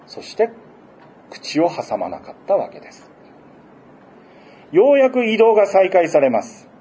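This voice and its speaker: A man delivers a sermon, talking through a Bible passage in an explanatory manner with many small fillers. His voice sits a little high and swings widely in pitch, with a mellow, warm tone. A faint hum of room ambience lies under him. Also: wildly swooping pitch, a little slow. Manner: gentle explanatory preaching with frequent fillers. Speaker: pastor.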